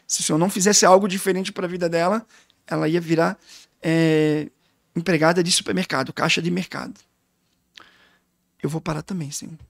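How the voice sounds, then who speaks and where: A man's voice: on the high side, steady tone, normal speed, gravelly, pauses often, no echo, clean studio sound. A man who is a guest pastor, telling a personal testimony in a podcast interview with fervent, emotional storytelling.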